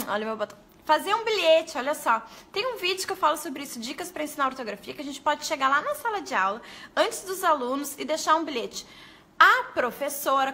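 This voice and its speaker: A woman giving a live lesson to fellow teachers, speaking to her viewers in a lively, animated way. Her voice sits high and sounds bright and crisp. She comes through a webcam-style live stream setup.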